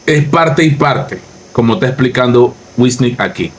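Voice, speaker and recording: A man's voice: medium pitch, expressive, normal speed. Guy doing reaction commentary, sarcastic and mocking, faint noise in the back. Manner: sarcastic, mocking, addressing critics directly. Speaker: reaction video host.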